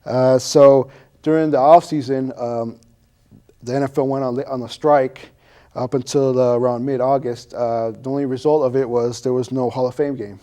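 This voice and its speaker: A man's voice: medium pitch, steady tone, moderate pace, mellow. A man co-hosting a sports show, recapping the football season hesitantly with many fillers.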